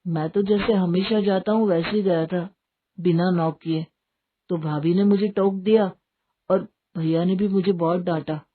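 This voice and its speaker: A woman's voice: fairly low pitch, steady tone, a little slow, husky. A woman voicing a careless young male college student, the younger brother, who whines and pleads. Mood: sulky. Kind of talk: Hindi story voice acting. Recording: tinny phone-like audio, faint hiss.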